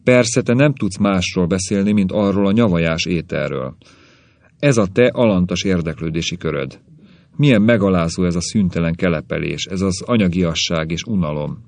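A man's voice: deep voice, vocal fry, darkish tone, no room sound. A man voicing a scornful, bitter middle-aged husband who lectures and sneers, in an audiobook reading. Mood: sneering.

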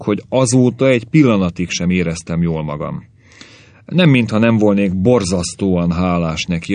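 A man voicing a frail, frightened man risen from the dead, speaking in a trembling, halting, pleading way. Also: low voice, darkish tone, no echo.

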